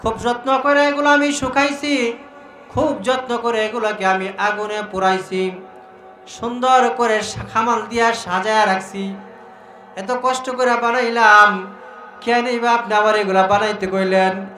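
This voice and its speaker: A preacher voicing old prophet, high, pleading. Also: male voice, fairly even intonation, unhurried, bright, forceful tone. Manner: pleading, raised and strained. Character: Prophet Nuh, a grieving old potter-prophet. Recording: echoey hall with music.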